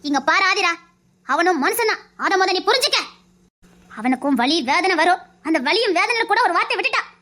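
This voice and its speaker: A woman's voice: very high-pitched, lively intonation, a little fast, pushed and bright, heavily acted. A woman playing a stern lecturing grandmother. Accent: Tirunelveli Tamil. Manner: lecturing, firm, moralizing. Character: stern wise grandmother scolding elders' way. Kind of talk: family drama acting.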